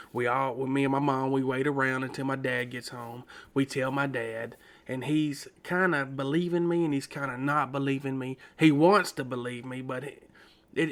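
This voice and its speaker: A man's voice: medium pitch, fairly bright tone. A man earnestly retelling a frightening paranormal experience from his teenage years, dramatic and full of repetitions. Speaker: storyteller. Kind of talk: first-person paranormal story narration.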